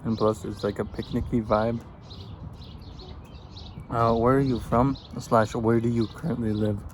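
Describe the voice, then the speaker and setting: An Afghan man in his twenties vlogs outdoors, eating as he answers get-to-know-me questions in a loose, rambling, easygoing manner. His voice is medium-pitched with little pitch movement, and his pace is measured. Background noise and birds are audible.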